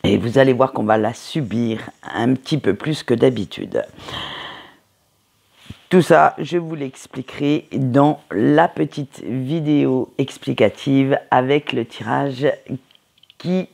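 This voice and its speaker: A woman with a fairly low, gravelly voice reads tarot cards for the week. She talks slowly and chattily, and often trails off into hesitations and little tags. The mic is close and the recording is solo. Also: lively intonation, a little mellow. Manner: unhurried, chatty, many hesitations and tag words. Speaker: tarot card reader. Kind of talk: weekly tarot energy reading.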